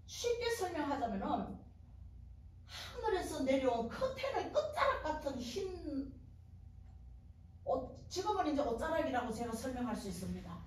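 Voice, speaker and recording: A middle-aged woman delivers a testimony sermon with vivid, dramatic storytelling. Her voice sits high and swoops widely from line to line. She sounds distant from the mic in a very echoey church hall with faint background noise. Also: big pitch swings, normal speed. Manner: dramatic storytelling, acting out dialogue. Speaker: guest speaker at a revival meeting. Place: church sanctuary.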